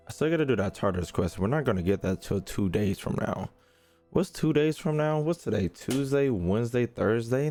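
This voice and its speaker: A man's voice: fairly low pitch, darkish tone. Man chatting casually on a game stream. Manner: repeats phrases, exclamatory, slangy banter with viewers. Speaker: live streamer. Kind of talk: casual gaming stream chat.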